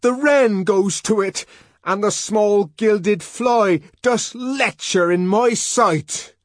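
A man playing a violent, tormented young savage man in an audiobook, shouting and ranting verse. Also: high voice, takes it slowly, no room sound, studio quality, pitched above the performer's own voice. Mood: raving.

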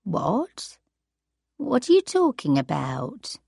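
A woman reading an audiobook, voicing a confused, forgetful grandmother of eighty in a high, shaky voice. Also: huge pitch swings, slow pace, vocal fry, warm tone, husky, no room sound, clean studio sound, heavily acted. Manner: vague, wandering.

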